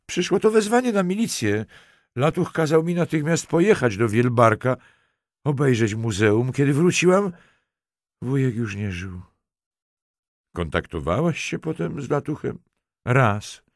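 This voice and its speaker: A man's voice: medium pitch, expressive, unhurried, gravelly, a little mellow, no echo, voice pushed up. A man reading a young woman, teasing at first and later frightened and close to tears. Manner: teasing, then pleading and breathless.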